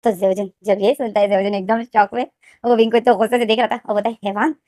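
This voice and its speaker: A woman casually retelling a fan-fiction story, talking rapidly and repeating names and phrases. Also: mid-range voice, little pitch movement, warm tone, no echo, studio quality.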